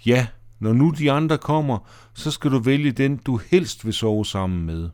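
A man's voice: mid-range voice, a little mellow, clean tone, voice pushed up, close to an everyday voice. A man reading aloud as a bossy, know-it-all girl who lays down the rules. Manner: bossy and explaining.

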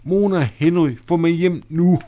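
A man's voice: on the low side, mellow, close to an everyday voice. A man voicing a frightened woman who pleads fearfully to go home, in an audio drama. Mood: pleading.

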